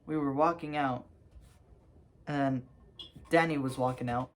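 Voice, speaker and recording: A man's voice: medium pitch, steady tone, measured pace, a little hiss or hum. A young man telling a story to camera in a casual, rambling way, with lots of ums and restarts. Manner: rambling, lots of fillers and restarts, laughs at himself.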